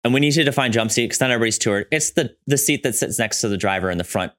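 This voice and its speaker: A man hosting a casual conversation, responding often with quick affirmations and sharing his own experience. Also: mid-range voice, expressive, a bit bright. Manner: quick, affirming, frequent "yeah" backchannels. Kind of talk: casual chat.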